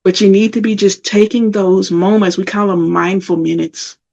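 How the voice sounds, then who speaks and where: Middle-aged woman, husky voice, emphatic self-care talk speaker, dull lo-fi recording. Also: medium pitch, little pitch movement, moderate pace, mellow. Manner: emphatic, repetitive, conversational.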